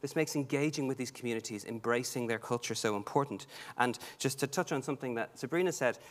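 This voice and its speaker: In a large conference hall, a Dublin-accented man from Ireland gives a sincere, rehearsed presentation, speaking quickly at a medium pitch. His delivery is full of ums and false starts.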